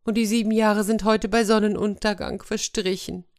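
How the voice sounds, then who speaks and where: A woman's voice: mid-range voice, level tone, moderate pace, darkish tone, pitched above the performer's own voice, natural voice. A woman voicing an anxious, tearful young princess who stammers, in a storybook reading. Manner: stammering, flustered.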